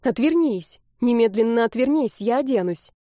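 A woman voicing an indignant young woman who hisses insults and snaps into shrill outbursts. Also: expressive, moderate pace, mellow, no echo, clean studio sound, lightly acted. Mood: furious.

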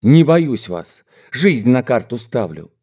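A man voicing a defiant, reckless young male thief in agitated, shouting outbursts in a storybook reading. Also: medium pitch, very animated, slow, slightly rough, full character voice. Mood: furious.

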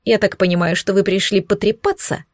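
A woman voicing a sharp-tongued young witch who is a duchess, blunt and sarcastic. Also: mid-range voice, steady tone, fairly quick, dry recording, studio quality, close to an everyday voice. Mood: sharp, teasing.

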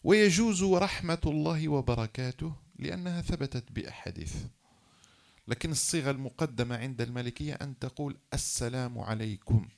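A man's voice: a little fast, creaky. A man giving a classroom lecture, explaining rules one by one and repeating key phrases. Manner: acts out example phrases, then drops low to rule them invalid.

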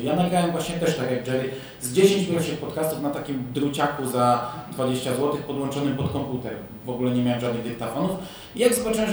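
A man's voice: a little high, darkish tone. A man podcaster talking casually in a panel chat, in an easygoing, rambling way. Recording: very echoey room, distant mic, faint hiss.

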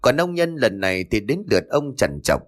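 A man's voice: medium pitch, very animated, normal speed. A man narrating a scripted horror story in a dramatic, suspenseful way.

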